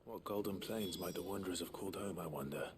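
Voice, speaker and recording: A steady young warrior guy, really low voice, measured and thoughtful, noisy game sound. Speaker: game protagonist. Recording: game audio with background noise.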